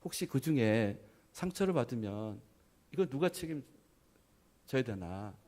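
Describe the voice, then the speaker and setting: A middle-aged man, a pastor, giving a conversational sermon. He tells stories, keeps adding "yes", and swings between loud emphasis and soft, trailing phrases. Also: medium pitch, very animated, measured pace. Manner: conversational storytelling with frequent "예" affirmations.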